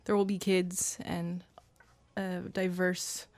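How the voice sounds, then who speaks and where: A woman musician guesting on a radio show, talking softly and hesitantly, with plenty of fillers. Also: on the low side, little pitch movement, takes it slowly. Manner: soft-spoken, hesitant, with fillers. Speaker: band leader guest. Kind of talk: casual interview chat. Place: radio studio.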